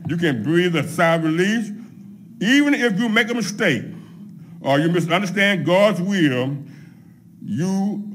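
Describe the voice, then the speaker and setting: Man, pastor, slow deliberate sermon, pulpit microphone, church sanctuary. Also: high voice, animated, slight background noise. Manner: measured preaching, lists points one by one. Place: church sanctuary at a pulpit, empty pews behind. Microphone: microphone on a pulpit stand.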